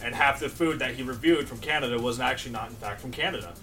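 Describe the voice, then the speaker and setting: A man's voice: medium pitch, quick pace, bright, forceful tone, soft background music. A man chatting on a casual podcast and rambling through his stories. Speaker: podcast co-host. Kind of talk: casual group chat.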